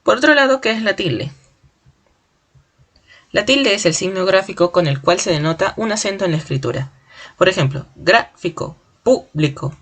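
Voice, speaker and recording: A teacher giving a spoken grammar lesson in a clear, deliberate way, slowly stretching out example words syllable by syllable. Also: medium pitch, animated, fairly bright tone. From Peru.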